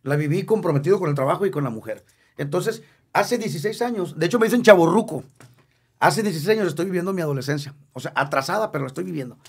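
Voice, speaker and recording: Husky, emotional Mexican man in his fifties. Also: a little high, expressive, quick pace. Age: 50s. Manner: emotional, candid, jokey, repeats words for emphasis. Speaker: singer, interview guest. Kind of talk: candid casual interview.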